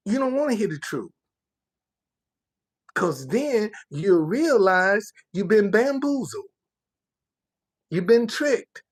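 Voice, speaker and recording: A man's voice: sits high, husky. A man from the United States, ranting casually on a livestream in an emphatic, preachy way, repeating phrases for effect. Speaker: livestream commentator.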